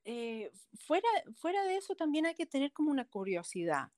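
A woman's voice: sits high, very animated, brisk, a little mellow, dry recording. A woman. She answers in a casual interview, hesitantly feeling for the right words. The sound is dry and close. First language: not a native Spanish speaker. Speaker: interviewee, Airbnb host.

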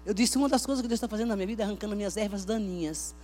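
A woman preaching a Pentecostal sermon at a church service, emphatic, swinging between loud outbursts and hushed talk. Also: mid-range voice, very fast, slight background noise.

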